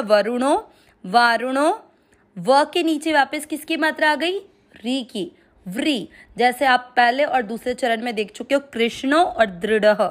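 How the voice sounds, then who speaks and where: A woman guides listeners through a Sanskrit verse one syllable at a time, her voice sitting a little high. She speaks very slowly and patiently, drawing out long vowels as she recites. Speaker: Sanskrit pronunciation teacher. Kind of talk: slow step-by-step recitation lesson.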